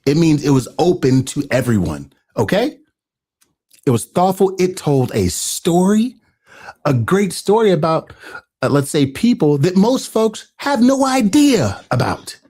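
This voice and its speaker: A man hosting an earnest, conversational commentary, growing animated as he talks. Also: fairly high pitch, measured pace. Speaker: host. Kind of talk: casual commentary.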